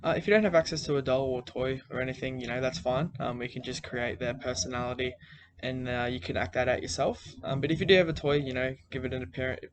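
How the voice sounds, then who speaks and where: A man giving recorded class instructions in a relaxed way, with plenty of "um"s. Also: medium pitch, quick pace, background noise. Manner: relaxed, many fillers. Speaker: teacher.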